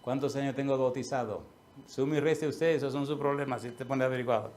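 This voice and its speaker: A man, a pastor preaching a sermon and telling a personal story, swinging from loud declarations to hushed asides. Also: mid-range voice, fairly even intonation, fairly quick, a little hiss or hum. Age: 60s.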